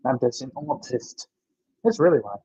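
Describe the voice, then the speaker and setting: A man's voice: medium pitch, lively intonation, moderate pace, mellow, breathy edge, no room sound. A young man from the American South chatting on his live stream, rambling with many restarts as he reads and answers viewers' chat. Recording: dull dry home mic.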